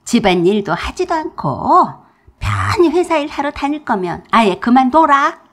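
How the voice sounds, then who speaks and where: A woman playing a loud scolding mother-in-law. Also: mid-range voice, big pitch swings, unhurried, vocal fry, slightly rough, exaggerated voice. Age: older. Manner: loud, bossy, talks down in plain speech. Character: domineering older mother-in-law, shrill and scolding.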